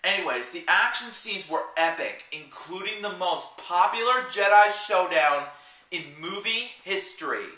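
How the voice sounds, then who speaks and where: A man's voice: high voice, animated, measured pace, sharp tone. A man talking through a casual movie review vlog, chatty and rambling, wandering off into side remarks. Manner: chatty, rambling, with sidetracked asides. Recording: roomy echo, mic at a distance.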